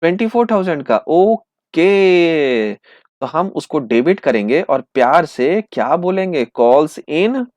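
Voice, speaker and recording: A man teaching accountancy in with terms, asking questions and answering them himself, slowing right down to dictate entries. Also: a little high, no room sound, highs cut off. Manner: lively, asks and answers his own questions, slows to dictate entries. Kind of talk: classroom lecture acting out students' replies.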